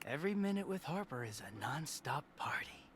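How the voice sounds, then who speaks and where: A man's voice: a little high, big pitch swings, brisk. Sullen, sarcastic man, noisy background. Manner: dry, passive-aggressive. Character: sullen, brooding, sarcastic bickering husband. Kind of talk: video game voice acting. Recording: clear noise and ambience behind.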